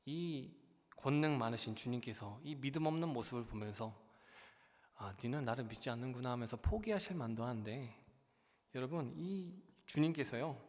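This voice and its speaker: A young man preaching a sermon as junior pastor, earnest, often turning to the congregation and building to emphatic peaks. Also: medium pitch. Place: church sanctuary. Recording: long church hall reverb.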